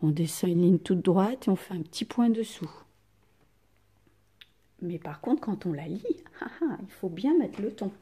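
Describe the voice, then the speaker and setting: A woman teacher giving a recorded lesson to children, speaking with exaggerated rising and falling intonation and pausing for pupils' answers. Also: on the low side, animated, dark tone, husky. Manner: slow, exaggerated intonation to demonstrate punctuation; asks pupils questions and leaves pauses for answers. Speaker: primary school teacher.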